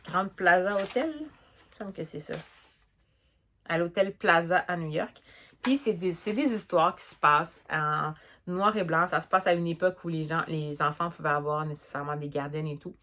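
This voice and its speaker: Quebec french girl rambling about books, lower voice, lots of euh. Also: moderate pace. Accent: Québécois French. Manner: chatty, animated, many fillers and restarts. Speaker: book vlogger. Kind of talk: casual book review vlog.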